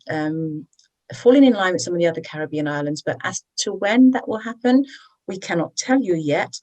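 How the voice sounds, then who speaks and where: A woman hosts a citizenship webinar in a chatty, encouraging way, often checking in with her listeners. Her voice is slightly low, and she pitches her service with warmth and conviction. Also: poor audio. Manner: chatty and encouraging, with tag questions. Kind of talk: persuasive presentation.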